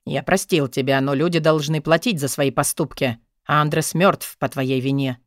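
A woman voicing a gruff man with a hoarse, low whisper, grumbling and menacing in an audiobook. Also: normal speed, no room sound, clean studio sound, close to an everyday voice. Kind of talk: audiobook character voice.

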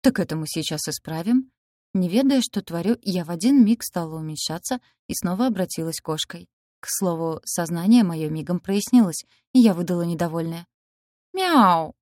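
A woman's voice: fairly low pitch, a little fast, dark tone, no echo, clean studio sound. A woman reading a first-person fantasy novel aloud, giving the characters light voice shifts as she narrates. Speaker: audiobook narrator.

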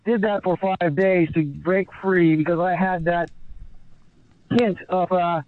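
A man is heard over a thin, narrow satellite phone line with delay, relayed through a video call. His voice sits fairly high for a man. He answers in halting bursts, full of fillers and restarts. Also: steady tone, dry recording. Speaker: ocean rower on an expedition. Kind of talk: remote interview guest. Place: small rowing boat out at sea.

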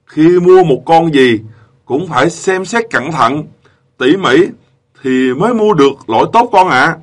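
A man voicing the fathers and drivers in short funny stories, slower than his narration. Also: a little high, lively intonation. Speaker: character voices in jokes. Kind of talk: acted dialogue in funny stories.

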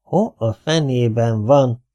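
A man reading an audiobook, voicing a middle-aged school caretaker who mutters and grumbles slowly to himself. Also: mid-range voice, darkish tone, lightly acted. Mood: grumbling.

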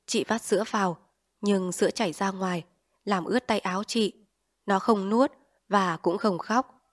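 A woman reading a short story aloud as a storyteller, measured and unhurried, phrase by phrase. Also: medium pitch, dry recording, clean studio sound.

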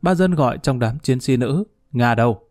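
A man narrating a crime story in a steady, measured storytelling voice. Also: mid-range voice, no room sound, studio quality.

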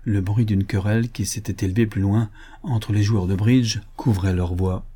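Man, audiobook narration, detective story, steady read, dark warm timbre, slightly husky. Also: moderate pace. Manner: steady reading, raising pitch for dialogue.

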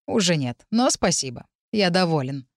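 A woman's voice: lowish voice, very animated, moderate pace, dry recording, studio quality. A woman voicing a playful, teasing young man in an audiobook.

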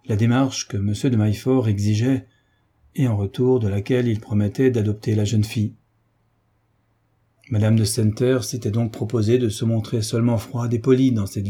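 Audiobook narrator, male, measured, very dark mellow tone. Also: on the low side, breathy edge. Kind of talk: scripted narration.

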